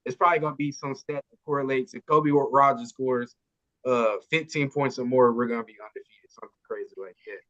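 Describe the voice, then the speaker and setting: A man's voice: medium pitch, steady tone, a little fast, a bit bright, lo-fi sound. A man co-hosting a casual sports podcast, slangy and stumbling through restarts, calling people "bro.".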